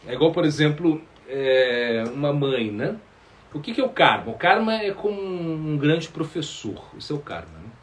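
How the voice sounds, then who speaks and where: A male spiritual teacher, answering questions in a halting sermon full of fillers and repeated words. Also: on the high side, very animated.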